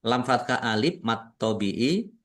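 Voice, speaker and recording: Slow, deliberate male Quran teacher. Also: mid-range voice, lively intonation. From Indonesia. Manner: patient, deliberate, repeats rules and stretches out recited words. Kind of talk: tajwid lesson with slow recitation.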